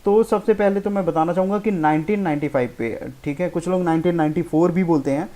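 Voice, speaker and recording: A man's voice: on the high side, quick pace, dark tone. A man teaching programming in a casual lecture style, who explains informally, keeps checking in with "okay" and corrects himself as he goes. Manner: informal, keeps saying "theek hai", self-correcting. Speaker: programming tutor. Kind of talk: casual Hindi-English lecture.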